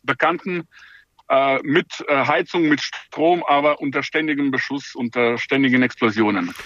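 A man's voice: medium pitch, normal speed, fairly bright tone, dry recording, lo-fi sound. A man running a farm, speaking German in an interview with many hesitations and restarts. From Ukraine.

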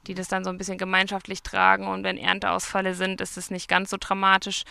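A woman's voice: medium pitch, completely flat delivery, fast talker, vocal fry, pushed and bright, smooth, no room sound, studio quality. A woman in her twenties, a market gardener, answering interview questions outdoors in a chatty, self-correcting way. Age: 20s. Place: outdoors at a vegetable field.

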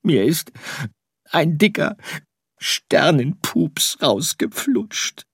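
A man's voice: a little high, big pitch swings, extremely slow, a bit bright, slightly rough, dry recording, clean studio sound, pitched above the performer's own voice, full character voice. A man reading an audiobook, voicing a small boy star who is tearful and whiny. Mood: wailing. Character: little boy star, upset and weepy.

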